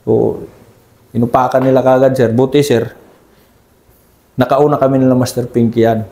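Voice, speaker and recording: A mellow-voiced man recounts combat memories in a respectful, unhurried way. He tacks "sir" onto almost every phrase. The sound carries a roomy echo. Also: medium pitch, little pitch movement, creaky. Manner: deferential, ends nearly every phrase with "sir". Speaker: army scout ranger team leader. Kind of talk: conversational war story interview.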